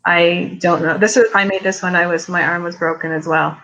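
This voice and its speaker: A woman's voice: fairly low pitch, steady tone, a little fast, a bit bright, lo-fi sound. A woman co-hosting a casual chat, showing her own paintings and talking hesitantly with many ums and likes.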